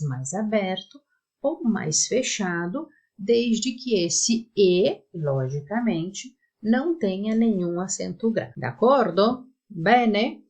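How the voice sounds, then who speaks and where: A woman, teaching an Italian pronunciation lesson in a slow, careful, lively way. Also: mid-range voice. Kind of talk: language lesson to camera.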